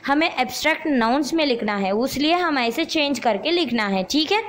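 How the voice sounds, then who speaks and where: A woman's voice: sits high, animated, fairly quick, a bit bright, rough recording. A woman, an English teacher explaining grammar exercises in Hindi and English. She reads the example sentences out word by word.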